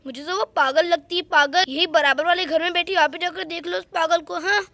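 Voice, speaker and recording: A woman's voice: extremely high pitch, steady tone, brisk, a bit bright, no room sound. A woman voicing a cheeky young boy who teases and mocks others in a doll story. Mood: mocking. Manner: teasing, mocking.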